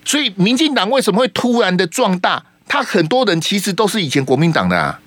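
A man's voice: high-pitched, sing-song, quick pace, a bit bright. A man with a Taiwanese Mandarin accent hosting a radio talk show, giving emphatic political commentary full of rhetorical questions into a studio mic.

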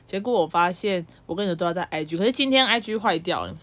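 A woman's voice: fairly low pitch, animated, fast, fairly bright tone. A young woman with a Taiwanese Mandarin accent, co-hosting a casual chat podcast and teasing her sister, who laughs often. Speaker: podcast co-host. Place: indoors, on a bed.

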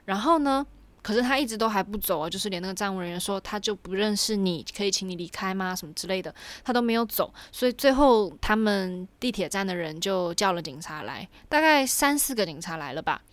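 A young woman casually telling a personal story, animated and chatty with lots of fillers. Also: medium pitch, brisk, no echo. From Taiwan.

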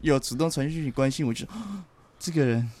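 A young man, co-hosting a podcast and telling a story in casual chat, animated and laughing as he goes. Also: mid-range voice, brisk, no room sound. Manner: animated storyteller, laughs through his tale. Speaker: podcast co-host.

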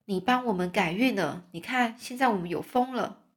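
A woman voicing a friendly male sailor who speaks in a hushed, coaxing way. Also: mid-range voice, normal speed, lightly acted.

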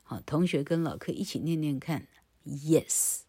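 A woman leads a recorded pronunciation lesson. Her tone is husky and a little breathy. She jokes freely and drags out sounds slowly to demonstrate them. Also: low-pitched, animated, mellow. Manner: jokey and playful, ends phrases with a chatty "ha" tag, laughs at her own stories. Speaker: English pronunciation teacher. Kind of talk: recorded classroom lecture.

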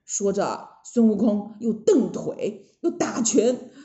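A woman narrating a classic children's story in an animated, exclaiming way. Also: medium pitch, takes it slowly, reverberant, dull audio.

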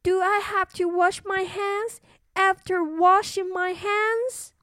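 A woman's voice: fairly even intonation, slow, fairly bright tone, no echo, studio quality, heavily acted. A woman voicing a curious little girl princess who keeps asking why. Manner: high, questioning, childlike.

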